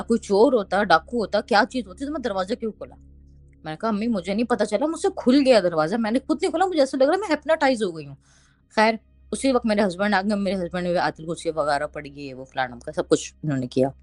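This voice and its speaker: A young woman, casually telling a ghost story and quoting others in lively bursts. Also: mid-range voice, dry recording. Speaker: storyteller recounting a haunting.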